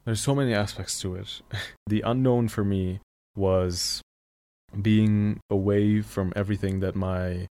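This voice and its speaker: A young Syrian man, a podcast guest whose first language is Armenian but who has an American accent, speaks thoughtfully in a casual studio conversation, searching for his words. His voice is on the low side and warm, with fairly even intonation and a measured pace.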